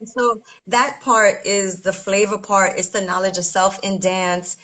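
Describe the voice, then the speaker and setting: Brief: woman, 40s, dancer, earnest and emphatic, everyday mid pitch. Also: level tone, a little slow, fairly bright tone. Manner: earnest, emphatic, tags points with "right?". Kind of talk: casual conversation.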